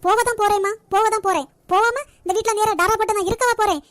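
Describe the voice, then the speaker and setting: A sarcastic, grasping cartoon housewife, played by a woman who complains in a Nagercoil Tamil accent. Her voice is extremely high and the talk rushes along. The sound is dry and close. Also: dry recording. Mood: wailing. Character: sharp-tongued, grasping middle-aged housewife. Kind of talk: cartoon voice acting.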